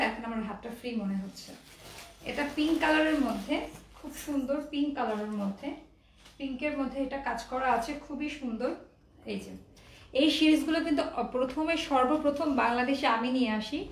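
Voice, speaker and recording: A woman's voice: high voice, fairly quick, a little hiss or hum. A young woman from Bangladesh showing dresses for sale at home, chatty and a little out of breath, mixing English words into her talk. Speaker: online clothing seller. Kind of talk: casual live product showcase. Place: room at home. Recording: echoey room, somewhat far from mic.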